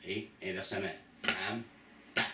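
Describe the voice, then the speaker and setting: Patient Québécois drum teacher, low-pitched, recorded from across an echoey studio over loud drumming. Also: male voice, flat delivery, unhurried, heavy background noise. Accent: Québécois French. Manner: patient, counting aloud and naming strokes. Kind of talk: drum lesson with demonstrations. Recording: echoey room, mic far off, loud drum hits.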